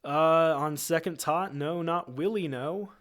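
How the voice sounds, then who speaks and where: A man voicing a clumsy, goofy male amphibian alien who talks in drawn-out broken pidgin, in an amateur screenplay reading. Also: a little high, fairly bright tone, pitched above the performer's own voice. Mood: goofy pleading.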